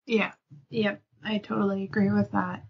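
A woman hosting a casual podcast, chatty and quick to giggle. Her voice is a little husky and sits at a middle pitch. The audio is dull and lo-fi. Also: level tone. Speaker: podcast host.

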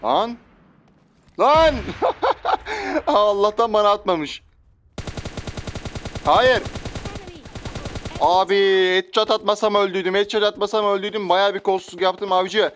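A man with a high-pitched voice commentates his own gameplay, taunting opponents and chatting to his viewers. Faint gunfire and clicks sit under his voice. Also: fairly even intonation, quick pace, hardly any pauses, fairly bright tone, a little hiss or hum. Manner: taunts enemies and chats to viewers. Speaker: gaming YouTuber.

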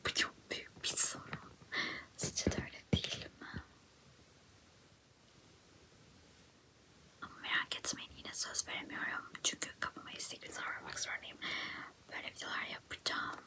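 A young woman in a whispered role-play, quiet as if at night, playing a self-absorbed, annoying, overconfident girl who admires herself and complains theatrically. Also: fairly quick, lightly acted. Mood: theatrically aggrieved. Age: young adult. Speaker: ASMR creator. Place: small indoor room.

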